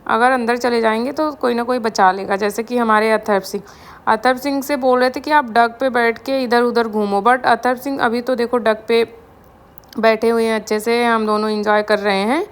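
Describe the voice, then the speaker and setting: A woman's voice: fairly high pitch, steady tone, moderate pace, clean tone. A woman from India narrating her family vlog in a chatty, storytelling voice-over, mixing English words into her talk. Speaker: family vlogger.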